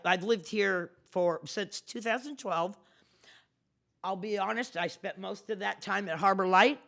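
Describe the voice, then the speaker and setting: A woman's voice: medium pitch, gravelly, a bit bright. A woman in her sixties, a tenant giving an emotional, passionate speech at a housing opening, laughing through her tears. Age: 60s.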